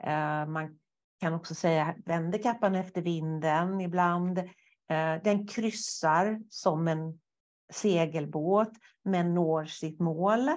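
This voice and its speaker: A woman guest therapist speaking thoughtfully with some hesitations, animated when acting out inner thoughts. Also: fairly low pitch, dull audio. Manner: thoughtful, hesitant with fillers, lively when quoting inner voices. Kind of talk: conversational interview.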